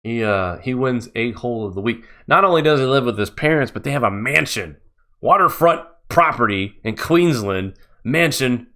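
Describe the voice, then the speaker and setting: A man's voice: medium pitch, expressive, normal speed, pushed and bright. A man hosting a live-stream news show, giving mocking, sarcastic commentary.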